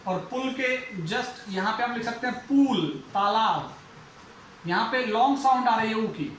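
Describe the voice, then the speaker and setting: A male teacher from India giving a phonetics lesson, slowly repeating and drawing out example words. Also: sits high, expressive, a bit bright. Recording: very echoey room, faint noise.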